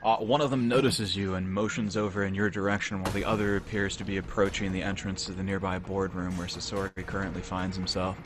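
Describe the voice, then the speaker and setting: A man running a tabletop game as game master, calmly narrating the scene for his players. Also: low voice, fast talker, hardly any pauses, noisy background. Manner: calm descriptive narration.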